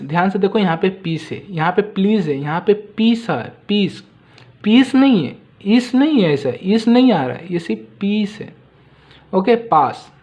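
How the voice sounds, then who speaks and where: A man teaching an exam-prep lesson, asking pupils repeated questions and saying words slowly so they can copy the pronunciation. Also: high-pitched, a little mellow.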